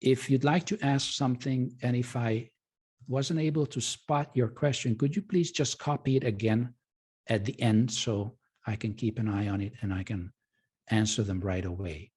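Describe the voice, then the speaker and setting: A Hungarian trading educator presents a live webinar in a mellow, slightly husky voice. Informal and courteous, he pitches to viewers, often pausing and correcting himself.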